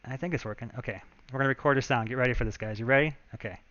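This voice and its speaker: Chatty man, bright crisp voice. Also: mid-range voice, rapid-fire, no echo, highs cut off. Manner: chatty, thinking aloud with frequent fillers. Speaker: game developer. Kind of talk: casual live-stream walkthrough.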